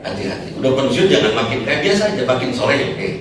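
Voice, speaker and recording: Joking preacher in an echoey hall. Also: male voice, mid-range voice, very animated, racing. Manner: joking storyteller, rhetorical questions. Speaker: Islamic preacher. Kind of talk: humorous sermon to a congregation. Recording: echoey hall, distant mic, crowd. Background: audience laughter.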